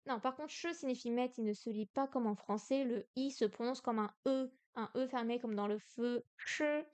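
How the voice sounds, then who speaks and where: A woman's voice: fairly high pitch, moderate pace, darkish tone, clear, resonant tone. A young woman from France in a casual livestream study session, repeating syllables aloud and exaggerating the tones. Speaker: streamer learning Chinese.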